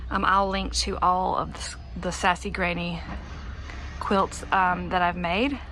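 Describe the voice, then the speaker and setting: A woman's voice: lowish voice, level tone, takes it slowly, fairly bright tone, slight background noise, low-quality recording. A woman giving a casual, informal show-and-tell as a crafter, chatty and a little self-deprecating. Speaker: quilter presenting her own finished quilt.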